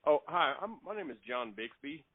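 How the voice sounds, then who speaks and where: A man's voice: fairly high pitch, very animated, no room sound. Polite man on a thin, dry phone line. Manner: polite, halting, repeats words. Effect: heard over a phone line. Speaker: prank caller.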